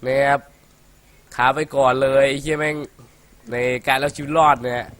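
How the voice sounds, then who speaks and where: A man's voice: medium pitch, flat delivery, normal speed, a bit bright. A young man from Thailand giving casual, profane let's-play commentary, chattering and laughing as he plays. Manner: rowdy and profane, laughs a lot, playful chatter. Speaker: gaming commentator.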